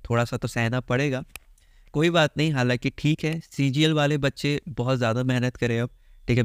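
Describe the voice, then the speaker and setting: A male teacher from India going through an exam answer key, mixing Hindi and English with frequent "theek hai" fillers and slowly spelling out letters and syllables. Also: mid-range voice, clean tone, no room sound, studio quality. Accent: Hindi-English mix from India. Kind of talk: answer key walkthrough lesson.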